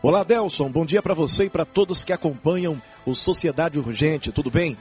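A man's voice: on the high side, a little mellow, soft background music. Formal male radio reporter. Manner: formal, measured. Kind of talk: scripted news report.

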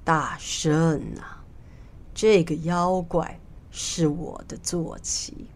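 Old immortal sage, male, gentle and hushed, played by a woman narrator, lower and slower than her own voice. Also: fairly even intonation, exaggerated voice. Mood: gentle pleading. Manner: slow, soft and hushed.

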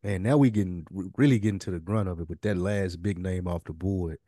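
A podcast co-host, male, talks a little fast in a low, dark voice. The chat is casual, slangy and emphatic, and he often repeats a phrase to hammer the point home.

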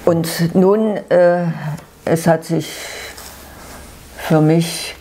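A sweet old lady in her nineties recounts her life in a dark, mellow voice. She speaks gently and haltingly, often pausing to find the word or repeating what she said. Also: fairly low pitch, fairly even intonation. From eastern Germany. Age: 90s. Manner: halting, searching for words, repeating herself. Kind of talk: unscripted personal life story.

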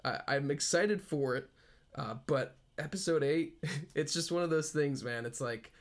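A man co-hosting a podcast in casual fan chat, talking excitedly and rambling, with frequent laughs. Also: a little high, measured pace. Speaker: podcast co-host.

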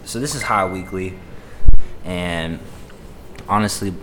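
A man's voice: low voice, takes it slowly. A man hosting a casual show, laid-back and joking, with slangy talk full of swearing and "bro". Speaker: podcast host. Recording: echoey room, clear background noise.

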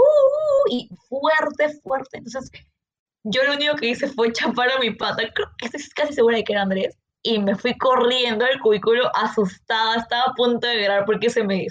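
A young woman with a Peruvian Spanish accent, a student telling an anecdote in a casual, animated way with frequent laughs. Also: on the high side, highs cut off. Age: young adult. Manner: animated, laughs often, quick asides. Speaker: engineering student, guest.

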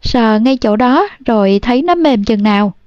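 A woman's voice: expressive, moderate pace, a little mellow, clear, resonant tone, no room sound, highs cut off, close to an everyday voice. Woman doing a vain, scornful young farm wife. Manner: haughty, then shrill.

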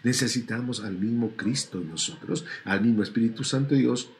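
A man's voice: mid-range voice, brisk. A man preaching a sermon to a congregation, stretching out key words and asking rhetorical questions.

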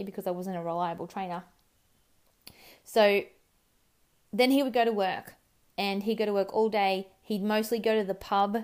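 A woman's voice: mid-range voice, a little mellow. A young Australian woman telling a personal story candidly. She swears freely and mimics other people's words in short bursts. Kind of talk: personal story told to camera.

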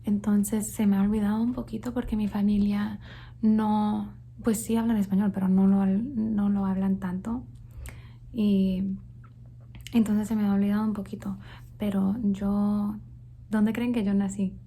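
A woman from Colombia whispering a casual ASMR ramble, switching between Spanish and English and softly repeating words over and over. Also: medium pitch, flat delivery, measured pace, slightly rough. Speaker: ASMR creator. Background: faint thunderstorm sounds.

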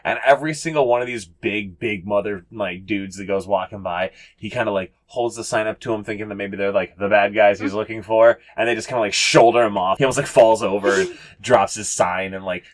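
A man's voice: lowish voice, a little fast. A young man narrating a tabletop game as game master, rambling with many fillers and casual swearing. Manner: rambling, lots of fillers, profane.

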